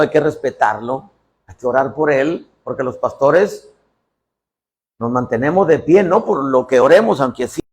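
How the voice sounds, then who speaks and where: A man preaching a sermon as pastor, acting out dialogues and bursting into shouts. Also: medium pitch.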